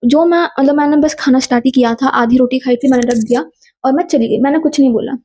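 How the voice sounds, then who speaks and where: A young woman telling a personal story in a lively casual vlog, mixing Hindi and English. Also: high voice, fast, slightly rough. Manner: animated, mixes Hindi and English, quotes people in dialogue.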